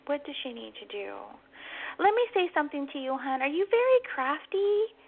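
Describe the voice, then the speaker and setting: Female psychic medium host, high pitch, comforting delivery, slightly dull lo-fi call sound. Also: very animated, normal speed. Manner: soothing, reassuring, with endearments like "hon". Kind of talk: psychic reading for a caller.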